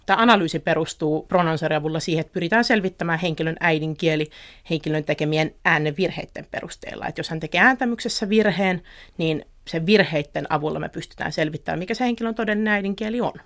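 Low-voiced research assistant explaining. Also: female voice, a bit bright. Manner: explanatory, methodical. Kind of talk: radio interview.

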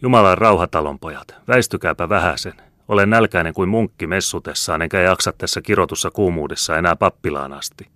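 A man voicing a boisterous bearded soldier, a sergeant who swaggers and talks loudly and heartily. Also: low-pitched, few pauses, no echo, clean studio sound. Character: boisterous bearded jovial soldier, male sergeant, middle-aged.

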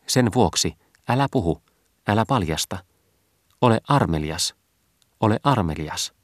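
A man's voice: lowish voice, animated, dry recording, studio quality. A man voicing Purity, a pale, coaxing maiden figure in a storybook reading, solemn and pleading. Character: Purity, cold pale virgin woman, coaxing.

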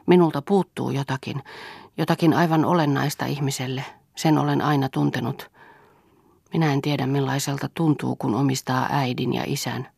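Lady reading a thoughtful young orphan girl, soft and earnest, kinda husky. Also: deep voice, no room sound, studio quality, heavily acted. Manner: soft, earnest, slightly raised voice.

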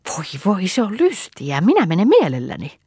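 A woman voicing an excited, playful little peasant girl. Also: on the low side, gravelly, slightly rough, no room sound, clean studio sound, pitched above the performer's own voice, full character voice.

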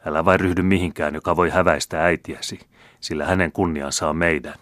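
A man's voice: deep voice, fairly even intonation, a bit bright, no room sound. A man voicing a broken, weary old father, resigned in tone.

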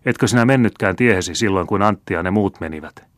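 A man's voice: deep voice, no room sound, studio quality, lightly acted. A male audiobook reader voicing a stern, curious old grandmother who questions sharply. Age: older. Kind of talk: audiobook character reading.

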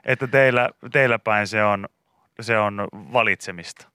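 A man's voice: on the low side, sharp tone, clean tone, no room sound, studio quality. A man co-hosting a casual morning radio chat, rambling and laughing often. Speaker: radio show co-host.

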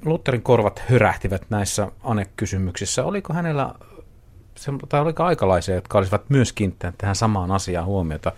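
A man's voice: fairly low pitch, animated. A man hosting a panel discussion, posing questions and handing over to the speakers. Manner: asks questions, introduces speakers. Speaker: host.

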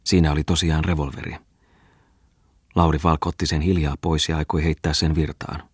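A man narrating a literary audiobook in a measured, even manner. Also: extremely low pitch, husky, no room sound, studio quality. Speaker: audiobook reader.

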